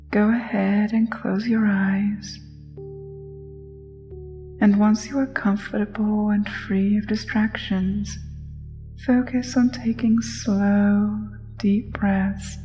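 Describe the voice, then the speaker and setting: A woman narrating a scripted guided hypnosis in a soft, soothing, measured way. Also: medium pitch, in a large hall, highs cut off. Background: music.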